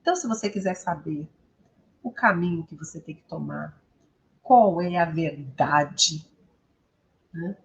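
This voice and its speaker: A Brazilian woman teaching English pronunciation, patiently repeating each model word slowly and clearly. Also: sits low. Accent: Brazilian Portuguese. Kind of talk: pronunciation lesson.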